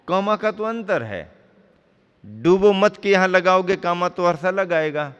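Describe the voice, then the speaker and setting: Monk guy giving a slow sermon, spaces his words out, voice rings in a big hall. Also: fairly high pitch, a bit bright, clear, resonant tone. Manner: slow, deliberate teaching with wordplay, stretching words apart for emphasis. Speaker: Jain monk giving a discourse. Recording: long hall reverb.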